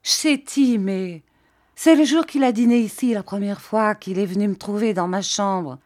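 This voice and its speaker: A woman's voice: medium pitch, moderate pace, darkish tone, close to an everyday voice. A woman reading an audiobook, voicing a young peasant maid who confesses in a breathless, broken voice. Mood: flustered confessing.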